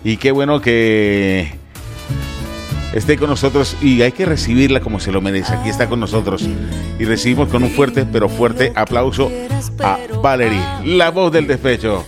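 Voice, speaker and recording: A man hosting a radio interview, warmly announcing and welcoming a guest, then asking questions in an upbeat, conversational way. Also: mid-range voice, moderate pace, loud music behind the voice. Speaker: radio host.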